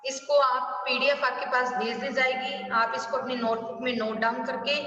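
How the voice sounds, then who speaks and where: High-voiced woman teacher, echoey distant recording. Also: flat delivery, moderate pace, pushed and bright, highs cut off, a little hiss or hum. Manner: patient, explains step by step with questions. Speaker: school Hindi teacher. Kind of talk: online class lesson.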